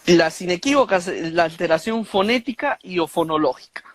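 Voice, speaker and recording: A man's voice: sits high, expressive, brisk, no room sound. A man speaking as an expert guest, explaining in a didactic way with many fillers and tag questions. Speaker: guest expert on speech disorders. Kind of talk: explanatory conversation.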